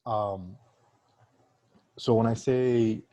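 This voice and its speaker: A man's voice: on the low side, fairly even intonation, very slow, warm tone. A man teaching sales in a casual live-stream talk, conversational with many fillers and restarts. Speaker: sales trainer.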